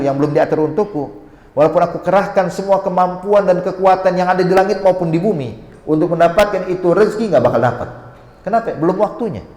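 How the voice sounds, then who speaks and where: A man's voice: sits high, a little mellow. A man with an Indonesian accent giving an Islamic sermon. He tells a story and acts out its dialogue, and he quotes Arabic as he goes. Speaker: preacher. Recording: echoey hall.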